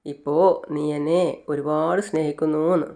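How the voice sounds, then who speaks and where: A man's voice: fairly high pitch, normal speed, vocal fry. A narrator retelling a TV serial scene, voicing Siddhu, an easygoing young man who teases and chuckles. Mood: teasing. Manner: relaxed, teasing, chuckling.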